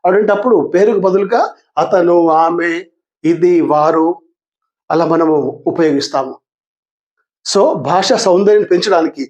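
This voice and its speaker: An older man with a notably high voice teaches grammar to his students. He repeats each term patiently and asks them questions. He reads the English definitions very slowly, word by word. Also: darkish tone, lo-fi sound. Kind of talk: grammar lesson.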